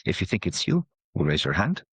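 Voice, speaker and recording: Very deep, husky-voiced man. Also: a little fast, no echo. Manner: relaxed, explains with examples. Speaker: game industry guest. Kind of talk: conversational interview. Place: podcast recording.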